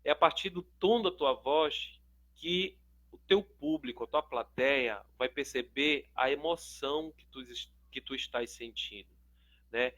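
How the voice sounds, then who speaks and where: A man with a Brazilian Portuguese accent gives an instructional video lecture as a public speaking coach. He talks in an animated way, swinging his pitch and loudness to demonstrate, and keeps checking in with the viewer. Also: unhurried. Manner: asks the viewer "tudo bem?" often.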